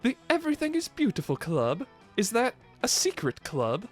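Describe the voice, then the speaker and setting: A man's voice: very high-pitched, wildly swooping pitch, moderate pace, soft background music, voice pushed up, full character voice. A man voicing a haughty, cheery young princess who gushes with wonder. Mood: haughty cheer. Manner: gushing, wonder-struck.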